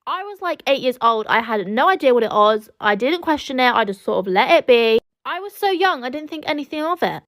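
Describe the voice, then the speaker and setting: A woman with a somewhat high voice tells her storytime tale plainly and earnestly. The recording is close and dry. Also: dry recording. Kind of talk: storytime narration.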